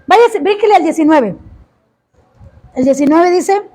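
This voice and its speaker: A woman preaching a sermon, impassioned, often rising to shouts and drawing out words for emphasis. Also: very high voice, expressive, a little slow.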